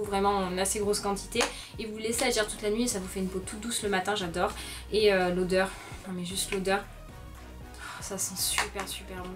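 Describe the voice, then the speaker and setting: A young woman chatting casually about her favorite products, often pausing with "euh" and sounding warmly enthusiastic. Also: medium pitch. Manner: chatty, frequent "euh" fillers, gentle and enthusiastic. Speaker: beauty vlogger. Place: bedroom. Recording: slightly distant mic, soft music underneath.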